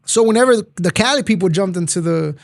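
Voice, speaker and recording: Male, 30s, Spanish speaker, high-pitched, dry close sound, casual and argumentative slang. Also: animated, fast talker, vocal fry, no room sound. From Texas, born in Mexico. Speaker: podcast guest. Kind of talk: casual interview talk.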